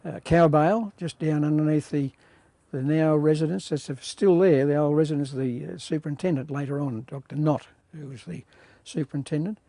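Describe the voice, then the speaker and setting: Older man, mellow dry voice, halting recollection. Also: a little high, steady tone, dry recording. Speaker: oral history interviewee.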